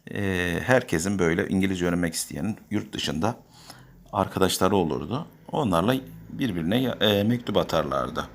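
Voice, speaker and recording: A man from Turkey with a Turkish accent, an English teacher explaining phrases to school students and repeating each one slowly. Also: sits low, lively intonation.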